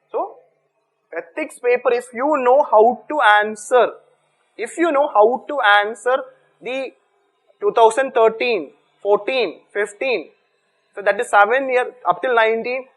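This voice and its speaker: High-pitched Indian-accented man teaching. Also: a bit bright, rough recording. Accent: Indian English. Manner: emphatic, repetitive, with rhetorical questions and check words. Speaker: exam coaching teacher. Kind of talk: coaching lecture to students.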